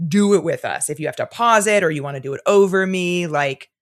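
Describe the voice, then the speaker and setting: A woman's voice: on the low side, a little fast. A woman hosting a casual podcast conversation, chatty and inviting listeners to join in. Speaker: podcast host.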